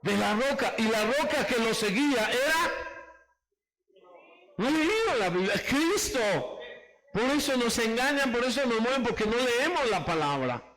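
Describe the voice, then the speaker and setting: A pastor preaching an emphatic sermon, calling on the congregation to raise hands and repeat phrases after him. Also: male voice, very high voice, animated, moderate pace, fairly bright tone, low-quality recording.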